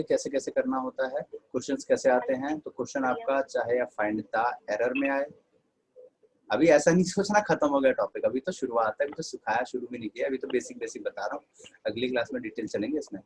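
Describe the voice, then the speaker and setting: A man teaching English grammar in a lively, chatty lecture style, telling stories to his students. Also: mid-range voice, fairly quick, a little hiss or hum, rough recording. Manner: animated, chatty, addresses students as "beta". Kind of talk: classroom lecture with storytelling.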